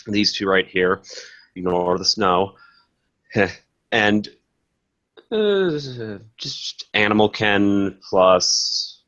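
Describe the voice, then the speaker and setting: A man narrating a tabletop game as game master, improvising and often halting to search for words. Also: on the low side, fairly bright tone, muffled recording.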